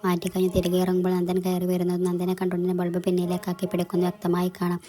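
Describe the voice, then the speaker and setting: Flat-voiced woman narrating a love story. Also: on the low side, fast.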